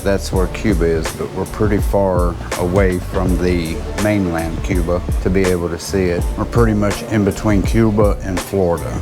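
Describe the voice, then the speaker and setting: A man talking casually to camera as a cruise vlogger, with a wry, grumbling manner. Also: sits low.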